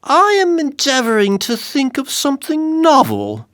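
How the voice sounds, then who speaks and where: A man voicing a bewildered, tipsy male court jester dwarf in a strained, halting voice. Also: very high-pitched, wildly swooping pitch, a bit bright, no room sound, studio quality, pitched above the performer's own voice, heavily acted.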